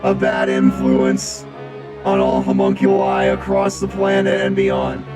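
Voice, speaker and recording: A male streamer rambles in casual chat, repeating phrases, while a voice changer turns him into a booming, deep, metallic robot. His pitch swings hugely, he speaks a little slowly, and music plays underneath.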